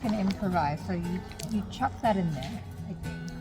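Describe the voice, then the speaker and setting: A woman's voice: lowish voice, lively intonation, moderate pace, over music. A woman chatting casually outdoors on a camping trip, teasing and dry. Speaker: travel companion and cook. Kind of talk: casual chat. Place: outdoors at a campground.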